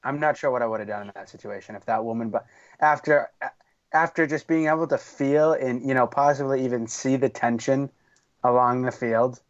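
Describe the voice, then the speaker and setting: A man's voice: medium pitch, no echo. A man co-hosting a casual chat, reacting to the story with wry remarks. His mid-range voice comes through slightly dull and muffled. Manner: reactive, quick exclamations and wry comments. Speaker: podcast co-host.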